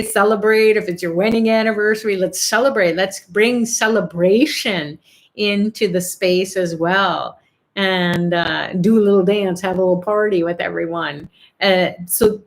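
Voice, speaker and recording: A middle-aged woman hosts an online chanting and prayer call, her mid-range voice keeping fairly even intonation at a normal speed. She chats casually, reads out comments and laughs often, sounding upbeat and warm-hearted with plenty of fillers in this relaxed spiritual group chat.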